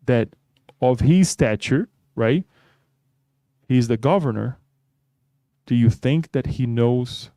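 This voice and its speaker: Middle-aged guy giving a spiritist talk, keeps saying "right?", mellow voice, dry sound. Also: mid-range voice, dry recording. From Brazil. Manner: conversational, often adds "right?". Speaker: spiritist speaker. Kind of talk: religious talk.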